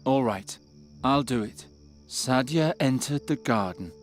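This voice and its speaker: A man's voice: mid-range voice, lively intonation, measured pace, soft background music, lightly acted. An actor playing a hesitant, puzzled young male adventurer who speaks in a questioning way. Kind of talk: game voice acting.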